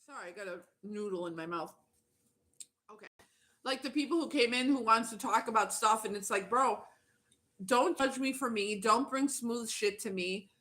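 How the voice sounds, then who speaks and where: Blunt, bright-voiced woman ranting on stream. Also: on the high side, moderate pace. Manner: blunt, profane, fired-up. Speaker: livestreaming YouTuber. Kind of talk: casual ranting livestream chat.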